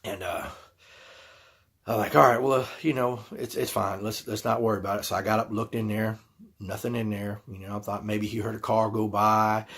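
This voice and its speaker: Guy rambling through a story on his channel, gravelly and kinda husky. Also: on the low side, fairly even intonation, brisk, fairly bright tone. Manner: folksy, rambling, retells his own quoted reactions. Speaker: YouTube channel host. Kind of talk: casual storytelling to camera.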